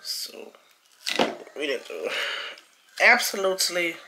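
Unhurried New mom vlogger. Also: female voice, fairly low pitch, background noise. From New Orleans. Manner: relaxed, chatty, rambling asides. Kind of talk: casual vlog talk to camera. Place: home, getting ready.

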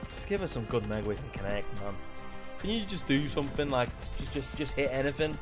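A man's voice: medium pitch, a little fast. A man in his twenties giving casual, exasperated, complaining commentary as he streams online slots. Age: 20s. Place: indoor room at a streaming setup. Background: game music.

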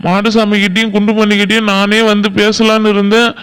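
A sensible village husband from a family cartoon, voiced by a man, with a high, smooth voice. He speaks calmly and firmly, settling his wife down. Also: a little fast. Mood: soothing. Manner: calming, firm, calls his wife "di". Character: calm fatherly village husband, sensible and firm. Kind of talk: Tamil cartoon voice acting.

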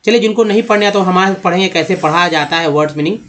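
A man's voice: high-pitched, fast talker, a bit bright. A man teaching English pronunciation from slides, patient, repeating himself and asking the viewer questions.

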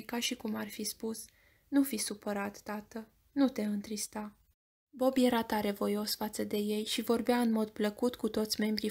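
A woman with a Romanian accent reading an audiobook in a measured storytelling voice. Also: mid-range voice. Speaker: audiobook narrator.

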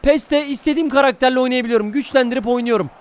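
A man's voice: very high-pitched, rapid-fire. Swearing young man streaming a football game. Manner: swearing, excitable, reacting loudly to play. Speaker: gaming streamer. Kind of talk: casual live-stream commentary while playing.

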